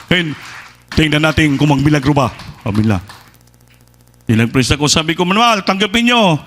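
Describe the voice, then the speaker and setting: A male preacher delivers a testimony sermon. His voice sits high and bright, with a forceful edge. He is animated, and he acts out the people in his story as he tells it. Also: normal speed, slight background noise. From Philippines. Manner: lively storytelling, switches between Tagalog and Visayan, acts out quoted people.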